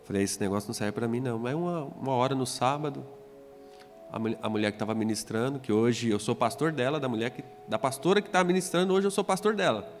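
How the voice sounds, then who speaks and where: Man, pastor, testimony sermon, storytelling, long hall echo, soft music behind. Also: mid-range voice, lively intonation, brisk. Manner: storytelling, acting out dialogue.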